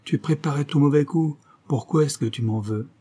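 A man's voice: moderate pace, mellow, slightly rough. A man voicing a proud, severe old peasant grandmother who speaks bitterly and reproachfully in a raised voice. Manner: pleading, bitter, raised pitch.

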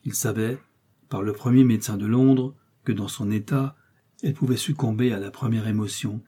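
A man's voice: on the low side, steady tone, moderate pace, mellow, breathy edge. A man voicing a loyal old male servant who speaks earnestly and pleads, in an audiobook reading.

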